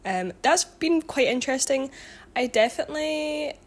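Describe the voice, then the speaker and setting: A twenty-year-old student and vlogger chats casually with her viewers in a catch-up vlog, speaking at a moderate pace. Her voice is high-pitched with lively intonation. She rambles, filling her speech with ums and likes and correcting herself as she goes.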